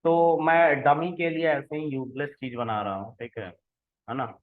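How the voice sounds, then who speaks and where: A man teaching programming in a relaxed way, explaining code step by step and often checking that the listener follows. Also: mid-range voice, normal speed. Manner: conversational, keeps checking in with the listener. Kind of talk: explaining code while typing. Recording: tinny phone-like sound.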